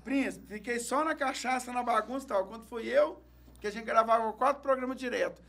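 A stand-up comedian and radio host tells brash, crude, joking stories in a podcast interview. His voice is very high-pitched, gravelly, and fairly bright, and he talks fairly quickly.

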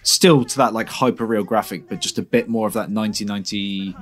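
A man co-hosting a podcast, chatting casually about a film, animated and laughing often. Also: lowish voice, fairly quick. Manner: animated, laughs often, drops into quiet asides. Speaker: podcast co-host.

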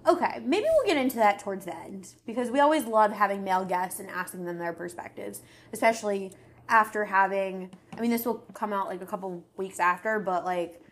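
A woman's voice: mid-range voice, brisk. Chatty young woman podcast host. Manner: chatty, frank about dating, lots of fillers. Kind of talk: casual chat.

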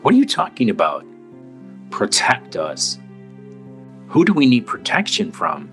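A man's voice: medium pitch, wildly swooping pitch, a little slow, creaky, fairly bright tone, soft background music, full character voice. An actor playing a suspicious, insistent man in an audio drama, probing for answers.

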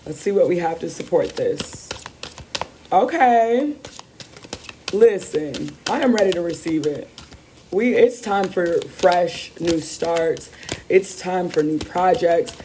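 A woman hosting a spiritual card reading, with a voice worn rough from a weekend of celebrating, speaking in an emphatic, affirming way and repeating her phrases. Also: lowish voice, noisy background. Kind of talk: upbeat spiritual talk, weekly card reading.

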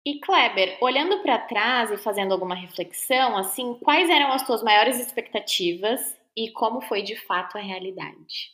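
A woman co-hosting a podcast, asking interview questions in a gentle, unhurried way. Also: a little high, lively intonation. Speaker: podcast co-host. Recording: roomy echo, a bit off-mic.

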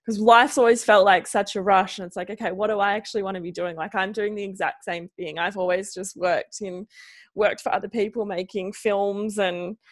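A woman's voice: mid-range voice, steady tone, brisk, dry recording. A woman hosting a casual interview podcast, talking in a chatty way with plenty of fillers and small laughs. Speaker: podcast host.

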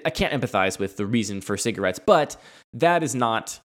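A man's voice: fairly low pitch, animated, a little fast. A man co-hosting a casual conversation, working through his argument and laughing often. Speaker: podcast co-host.

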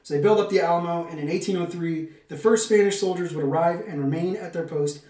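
This podcast host talks fast, his voice on the high side with a darkish tone. He alternates semi-scripted narration with playful, casual banter delivered theatrically, and the far-off mic leaves a roomy echo.

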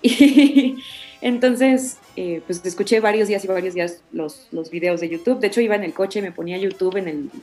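A woman's voice: medium pitch, moderate pace, soft background music. A voice actress, talking casually in an interview and acting out the quotes in her story. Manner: animated, many fillers, acts out quotes.

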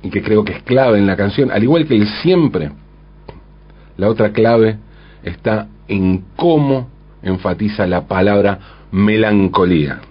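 Male commentator, reflective lyric analyst, slightly low and breathy-husky tone, muffled recording. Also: animated, unhurried. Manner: thoughtful, frequent rhetorical "¿no?", self-corrections.

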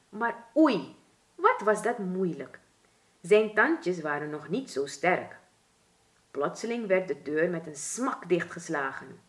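Surinamese dutch woman reading a kids' storybook, super slow, really animated voice. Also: fairly low pitch. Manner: expressive, deliberate.

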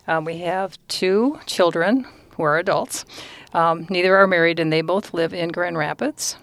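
A woman's voice: fairly low pitch, normal speed, dry recording. A woman in her sixties, a guest on a podcast, talking about her life in a brief, matter-of-fact way. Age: 60s. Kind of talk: casual chat.

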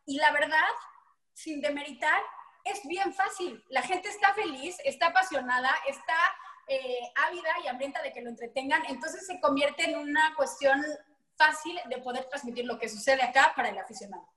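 A Mexican woman, a podcast guest, telling lively stories with frequent laughter. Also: high-pitched, normal speed, reverberant. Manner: animated storytelling, laughing often. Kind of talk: casual chat.

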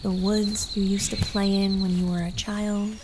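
A woman host narrating a scripted guided meditation in a calm, gentle, soothing and unhurried manner. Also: medium pitch, heavy background noise. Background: background music.

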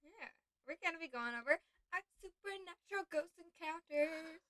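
A woman's voice: very high-pitched, lively intonation, normal speed, fairly bright tone, no room sound. A young woman co-hosting a podcast, talking in a bubbly, giggly casual way. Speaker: podcast co-host. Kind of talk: casual chat.

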